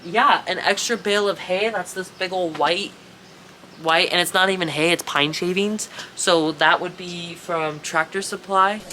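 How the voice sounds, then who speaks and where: A congested young man who breeds reptiles and rats rambles through a casual show-and-tell vlog, swearing and chatting with viewers as he shows off his rat shed. His voice sits high with fairly even intonation and a measured pace. The shed room is echoey, with background noise.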